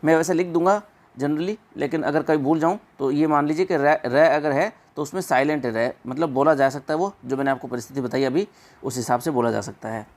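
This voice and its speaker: A man teaching an exam-prep English pronunciation lesson, repeating words slowly and drawn out. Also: a little high.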